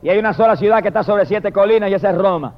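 A man preaching a fiery sermon, swinging from shouted hallelujahs to low murmured praise. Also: rapid-fire. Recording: dull lo-fi recording.

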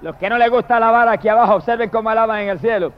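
A man preaching a fiery sermon, swinging from shouted hallelujahs to low murmured praise. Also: racing, clear, resonant tone. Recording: dull lo-fi recording.

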